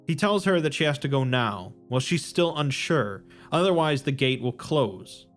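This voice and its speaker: A man narrating a dark fantasy story in a slow, measured, scripted style. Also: mid-range voice, animated. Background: soft background music.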